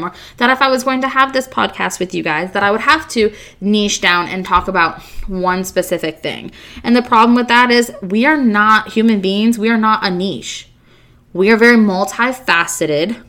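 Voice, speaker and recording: A woman's voice: mid-range voice, a bit bright. Candid woman podcaster, emphatic and casual. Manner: candid, emphatic, many rhetorical questions, casual swearing. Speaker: podcast host. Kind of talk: casual monologue.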